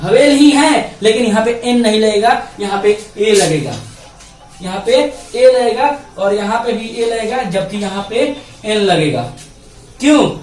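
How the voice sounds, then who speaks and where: A man's voice: sits high, expressive, measured pace, a little mellow, faint music behind. Man teaching grammar in a roomy echo. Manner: patient, repetitive explaining with rhetorical questions to students. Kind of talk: explaining grammar at a board. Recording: roomy echo from a distance, faint background noise.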